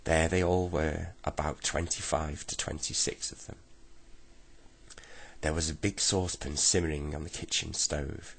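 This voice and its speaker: A man reading a children's bedtime story aloud in a gentle, steady way. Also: a bass voice, unhurried, gravelly, breathy edge.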